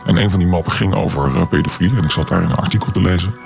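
An anonymous man in his forties speaks in a radio interview, his voice masked by a pitch-shift effect that drops it extremely low. The processed sound is gravelly and rough. He pauses often and fills the gaps with hesitant sounds, weighing each word. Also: over music. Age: 40s. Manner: hesitant, many filler sounds, slow and deliberate. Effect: voice disguised with a deep pitch-shift distortion.

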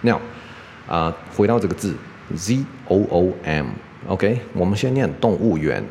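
Very deep-voiced man teaching pronunciation. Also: very animated, creaky, a little mellow. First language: English. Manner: ends nearly every sentence with a checking "OK?"; drills sounds slowly and repeats them. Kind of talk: casual spoken lesson. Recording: echoey room with faint background noise.

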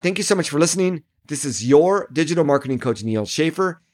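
A man's voice: fairly high pitch, animated, fairly quick. A middle-aged man hosting a solo podcast as a marketing coach, talking directly to listeners from his home office in a friendly coaching tone, his voice a little worn. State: slightly losing his voice.

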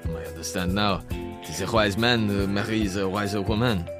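Man acting a low-voiced, knowing spy-drama figure. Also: moderate pace, lightly acted. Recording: music under the dialogue.

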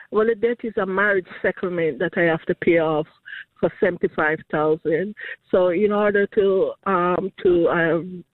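A woman's voice: on the low side, no echo. An older woman calling in with a money question, speaking hesitantly and restarting her sentences often. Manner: hesitant, halting with many restarts. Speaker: caller. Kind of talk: call-in question. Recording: tinny phone line.

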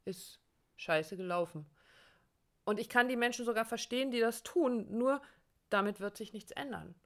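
A woman's voice: fairly high pitch, brisk. Woman, podcast co-host, coach, direct address, encouraging. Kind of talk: conversational podcast talk.

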